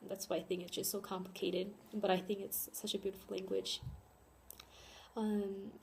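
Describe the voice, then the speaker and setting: A woman's voice: medium pitch, level tone, moderate pace, gravelly, a little hiss or hum. A young woman raised in Chicago, with an American accent, giving an earnest class presentation on grammar with frequent ums. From born in South Korea, raised in Chicago. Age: young adult. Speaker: student presenter.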